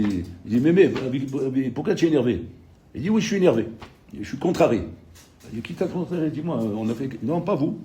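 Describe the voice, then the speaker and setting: A middle-aged man giving a recorded Torah lesson at a quick clip, his voice dark and mellow. He talks in an animated, repetitive way, stumbling and restarting as he goes, and drops Hebrew terms into his speech. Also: mid-range voice. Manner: rapid, repetitive, animated storytelling with many restarts. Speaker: rabbi teaching a Torah class. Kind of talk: recorded Torah lecture with anecdotes.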